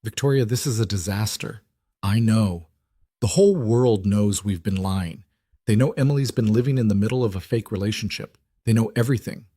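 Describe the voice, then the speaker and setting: A man's voice: lowish voice, brisk, mellow, dry recording, clean studio sound, close to an everyday voice. A man voicing a frustrated, protective single father in a storybook reading, earnest and blunt. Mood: upset. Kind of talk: storybook narration.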